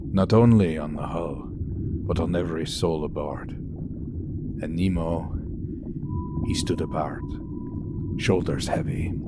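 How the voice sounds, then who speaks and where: Low, slow, somber Professor Aronnax. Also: male voice, heavy background noise. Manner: measured, grave, literary. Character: somber, thoughtful male professor narrating his ordeal. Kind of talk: dramatic narration and audio drama acting. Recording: loud music under the voice.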